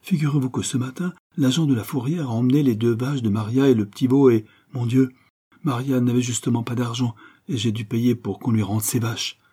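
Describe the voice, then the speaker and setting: A man's voice: mid-range voice, fairly even intonation, brisk, warm tone, husky, voice pushed up. Man playing an eager, proud young writer. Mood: insistent.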